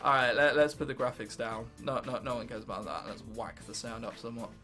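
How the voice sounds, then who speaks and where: A nineteen-year-old Englishman hosts a gaming video, giving casual let's play commentary in a fast, sharp, mid-range voice with fairly even intonation. He jokes, swears freely, interrupts himself and reads game text aloud over faint background music.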